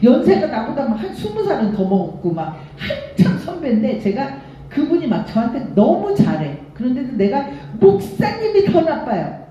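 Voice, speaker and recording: A woman's voice: high voice, normal speed, few pauses, very echoey, lo-fi sound. Older woman pastor preaching animatedly. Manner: animated storytelling, acts out quoted voices. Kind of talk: revival sermon. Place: church sanctuary.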